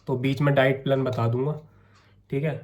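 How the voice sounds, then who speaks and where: A man's voice: medium pitch, fairly even intonation, normal speed, a little mellow. A young man with a sore, coughing throat, chatting to camera in a casual vlog and coaxing his viewers. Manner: chatty, coaxing, keeps saying "theek hai". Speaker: vlogger.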